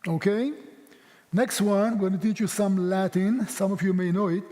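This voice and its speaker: A man's voice: high voice, fairly even intonation, moderate pace, mellow. A man lecturing at a church history session, driving his points home with rhetorical questions. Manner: emphatic, uses rhetorical questions. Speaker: guest speaker teaching a history session. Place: church hall. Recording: long hall reverb.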